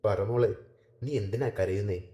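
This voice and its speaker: A man voicing a worried middle-aged mother who coaxes her daughter in a low, mellow voice, recorded in an echoey room. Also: fairly even intonation, moderate pace, natural voice. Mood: worried, pleading.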